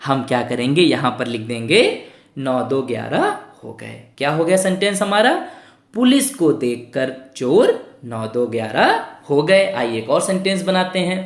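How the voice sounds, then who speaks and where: Woman, Hindi teacher, lesson for small children, slow, animated pitch, spells words by syllable, roomy echo. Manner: spells words out syllable by syllable and asks questions to the class; repeats words for pupils to say along.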